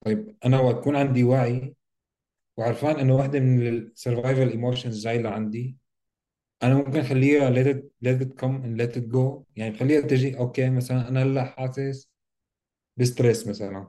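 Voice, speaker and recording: Fast-talking mellow-voiced man. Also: mid-range voice. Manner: relaxed, reflective, mixes English words into Arabic. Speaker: podcast co-host. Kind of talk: casual conversation about self-help.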